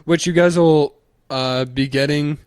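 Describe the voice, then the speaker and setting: A man's voice: fairly high pitch, fairly even intonation, a little mellow, smooth, no echo, clean studio sound. A young man co-hosting a podcast, rambling easily with lots of restarts. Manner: rambling, halting restarts, easygoing. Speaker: podcast co-host. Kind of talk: casual chat.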